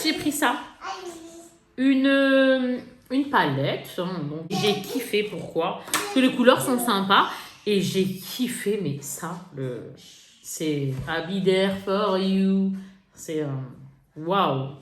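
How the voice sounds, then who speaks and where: A beauty vlogger with a medium-pitched voice takes her time presenting her makeup haul. She's chatty and lively, laughing frequently and poking fun at herself, and the audio comes from an echoey room with faint noise.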